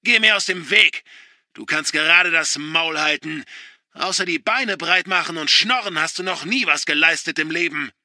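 A furious middle-aged father hurls scorn in a raised, strained shout, voiced by a man reading a story. The voice sits higher than normal speech and rings hard and bright. The sound is dry and close, with no room around it. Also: normal speed, dry recording. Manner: shouting, contemptuous.

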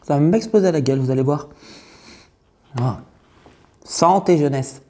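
A man's voice: fairly high pitch, measured pace, a little mellow, natural voice. A man playing a brash, crude female farmer with a Burgundian accent in a comic sketch. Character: brash middle-aged female farmer from the countryside. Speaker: taste-tester.

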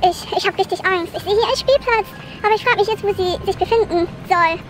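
A young woman vlogging to camera in a car and outdoors at night, anxious and often addressing her viewers, with her voice sped up and squeaky. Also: fast talker. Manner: anxious, keeps calling the viewers "Leute". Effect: sped up, squeaky high pitch. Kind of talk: horror challenge vlog to camera. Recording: background music under the voice.

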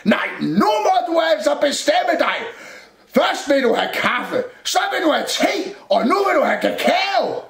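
A man voicing a small, grumpy male Christmas elf who shouts in a high, irritable voice. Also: sing-song, hardly any pauses. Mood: shouting angrily. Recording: roomy echo.

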